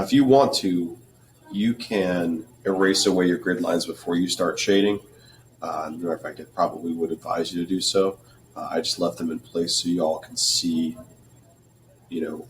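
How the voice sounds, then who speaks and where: Man, deep voice, unhurried art-lesson narration, slightly hoarse, mic set back with faint room hum. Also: recorded from a distance. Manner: relaxed, thinking aloud while drawing, frequent throat clearing. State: losing his voice. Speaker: art teacher. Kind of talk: drawing tutorial narration.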